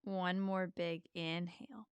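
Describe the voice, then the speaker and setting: A woman hosting a guided mindfulness meditation, speaking in a soft, soothing, unhurried way with long pauses. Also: fairly low pitch, flat delivery, clean tone, no room sound. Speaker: podcast host and meditation guide.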